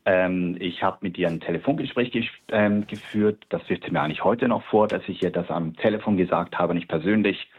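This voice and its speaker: Over a thin, phone-like line, a Swiss guest artist tells his personal story in an interview. His deep, slightly breathy voice moves briskly with hardly any pauses, yet he keeps stumbling into fillers, hesitations and restarts.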